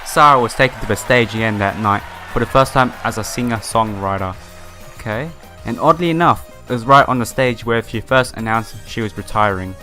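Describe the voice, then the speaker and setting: A man with a lowish, brisk, bright, forceful voice hosts a let's play, casually commentating on the game, reading story text aloud and talking straight to his viewers. Game music plays behind him.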